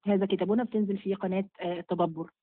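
Talking very fast in a mid-range voice, this Egyptian-accented woman keeps her intonation mostly level. As a religious teacher answering viewers live, she comes across as firm and motherly, blessing every questioner by name, over a narrow, phone-like recording.

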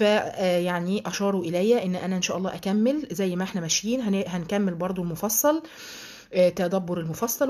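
A woman's voice: fairly low pitch, darkish tone. A woman with an Egyptian Arabic accent giving a live online religious lesson to a women's group, chatty and affectionate, blessing her students by name. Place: home, live video stream.

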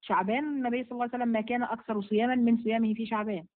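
A woman's voice: on the high side, fairly even intonation, very fast. A woman with an Egyptian accent, a religious teacher answering viewers' questions in a live session, firm and motherly, blessing each asker by name. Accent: Egyptian Arabic. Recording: phone-like narrow sound.

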